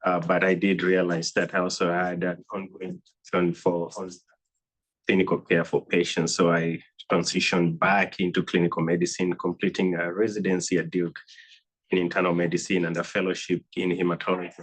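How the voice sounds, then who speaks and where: A man with a Kenyan accent speaks in a very low, fairly even voice, hoarse from a cold. He introduces himself to an audience as a doctor, pausing often as he goes. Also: rough recording. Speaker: oncology physician and faculty speaker. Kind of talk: informal self-introduction to an audience.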